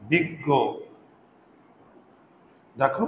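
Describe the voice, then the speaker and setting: A man teaching a grammar lesson to a class. He repeats rules, slowly draws out example words and keeps checking that students follow. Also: a bit bright, reverberant, a little hiss or hum, low-quality recording. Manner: repeats rules, quizzes students with "বোঝা গেল?"; patient, drawn-out pronunciation of example words.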